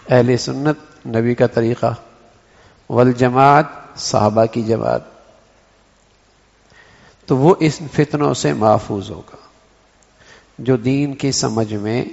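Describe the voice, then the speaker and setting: A man's voice: medium pitch, vocal fry, a little mellow. A man giving an Islamic sermon, explaining his point by acting out one sentence in different tones. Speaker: preacher. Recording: dull recording in a long-reverb hall.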